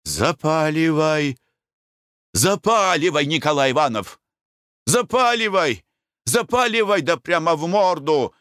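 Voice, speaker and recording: A man voicing a coarse, rowdy middle-aged merchant who shouts and curses boisterously. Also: mid-range voice, expressive, a little slow, no room sound, studio quality, pitched above the performer's own voice. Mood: rowdy shouting.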